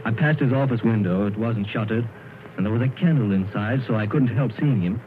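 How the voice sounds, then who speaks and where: A man playing a quiet, gentle husband. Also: fairly low pitch, brisk, close to an everyday voice. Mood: calm. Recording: tinny 1930s radio with hiss.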